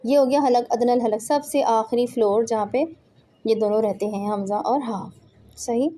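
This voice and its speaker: Warm and steady, with a fairly high pitch, a female Quran pronunciation teacher patiently shows throat sounds step by step. It's an informal lesson at home, captured on a phone.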